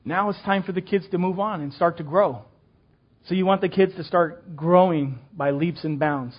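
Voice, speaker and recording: A man's voice: high-pitched, moderate pace, muffled recording. An older man teaching a children's ministry class in a casual, folksy way, full of fillers and restarts.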